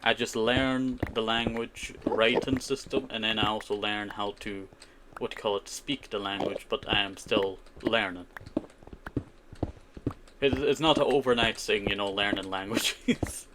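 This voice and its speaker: Fairly low-pitched and steady, a man speaks a little slowly as he streams a survival game and chats with viewers, answering their messages. His rambling talk is full of "you know" and "I tell you," and the very noisy recording carries keyboard clicks.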